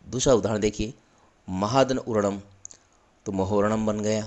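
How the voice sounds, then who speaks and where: A man teaching a grammar lesson in a low voice, speaking very slowly and deliberately. He repeats each example patiently, drawing out the sounds so students can follow. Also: steady tone, a little mellow. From India. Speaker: school teacher.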